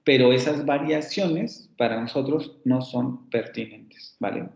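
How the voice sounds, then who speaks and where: Man explaining slowly in a dull room. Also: mid-range voice, vocal fry, roomy sound. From Mexico. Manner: explanatory, repeats example words, fillers and self-corrections. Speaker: university phonetics teacher. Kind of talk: online lecture.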